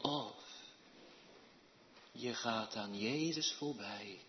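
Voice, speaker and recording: A slow, deliberate man delivering a sermon, dropping to a hush and then rising to loud, fervent calls. His voice rings through a church with a long reverb. The recording itself sounds a little dull. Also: lowish voice, slight background noise. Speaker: pastor.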